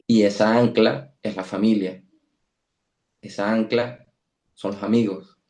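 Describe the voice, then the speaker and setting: A middle-aged Venezuelan man with an Andean accent talks as an interview guest. His voice sits fairly low, and his speech is earnest and firm. He often stumbles, repeating and restarting words as he goes. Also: dark tone. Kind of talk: interview conversation.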